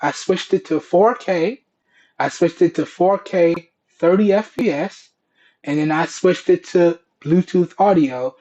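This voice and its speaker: A man's voice: high voice, unhurried, darkish tone. A man casually reviewing a product, talking through Bluetooth earbud microphones and often checking in with "okay?". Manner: chatty, keeps checking in with "okay?" and "all right?". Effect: voice captured through Bluetooth earbud microphones. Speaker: tech reviewer. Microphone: wireless earbuds. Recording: dull lo-fi Bluetooth earbud mic.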